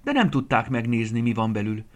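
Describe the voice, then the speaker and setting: A man narrating a children's story in an expressive, lively reading voice, sometimes dropping to a whisper. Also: medium pitch.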